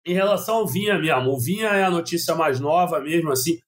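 A man's voice: fairly high pitch, fast talker. A man, a sports reporter, chatting on a podcast, rambling with restarts and coughing from a dry mouth. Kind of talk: casual podcast chat.

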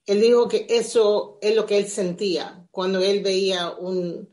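A middle-aged woman speaking as an interview guest, slow, halting and reflective. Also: mid-range voice, fairly even intonation, darkish tone. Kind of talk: conversational interview.

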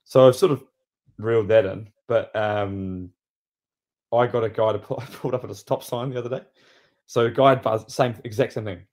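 A man's voice: lowish voice, steady tone, moderate pace, darkish tone. A man with a New Zealand accent, co-hosting a podcast, blunt and laid-back with plenty of swearing. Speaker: podcast co-host. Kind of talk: casual chat.

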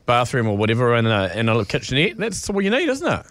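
A man's voice: mid-range voice, wildly swooping pitch, fast talker, a bit bright, no echo. A man with a New Zealand accent hosting a radio show with casual banter. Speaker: radio host.

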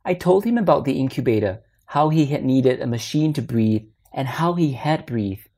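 A woman with an extremely low-pitched voice narrates a literary short story aloud, reading in a measured, expressive way.

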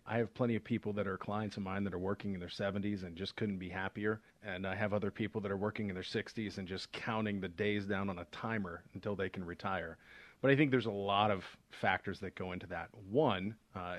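On his radio program, a male financial advisor walks listeners through investing in a relaxed, explanatory way, often restarting and using fillers. He has a low-pitched voice on a dry recording.

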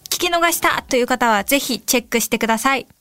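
A woman hosting a radio show in a studio, chatting casually about listener messages with giggles and soft whispered asides. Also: high voice, quick pace, noisy background. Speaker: radio host. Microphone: studio microphone. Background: faint background music.

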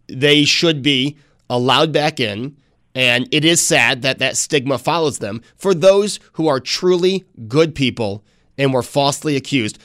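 A man's voice: mid-range voice, fairly bright tone, dry recording. Radio host, male, early thirties. Live talk format, medium register, very dry studio sound. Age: early 30s.

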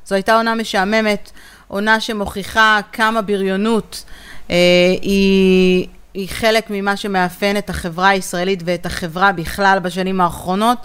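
A woman's voice: mid-range voice, level tone, fairly bright tone, clean tone. A woman with an Israeli accent chatting casually and giving emphatic opinions as a co-host. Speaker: podcast co-host. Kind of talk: opinionated casual chat about pop culture.

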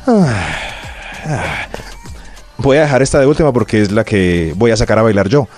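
A man's voice: on the low side, fast talker, no echo. A man co-hosting a radio show, teasing and joking in casual banter. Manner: playful, teasing, animated. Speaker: radio co-host. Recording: faint music behind.

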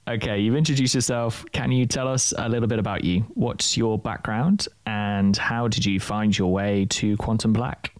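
A man's voice: on the low side, fairly even intonation, normal speed, few pauses. A man hosting an interview series, reading a polished intro and then asking questions. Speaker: podcast host. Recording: music bed under the voice.

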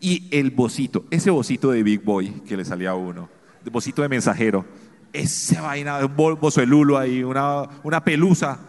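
A man's voice: mid-range voice, brisk, a little mellow. A man with a Colombian accent, joking in casual banter. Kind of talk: casual chat. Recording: reverberant room.

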